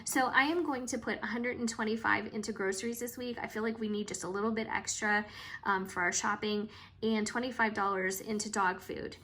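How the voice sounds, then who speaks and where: A woman vlogger talking casually through her cash budget, a bit hoarse and chatty, with frequent hesitations. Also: mid-range voice, fairly even intonation, fairly quick, a bit bright. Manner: chatty and hesitant, with frequent ums and trailing asides.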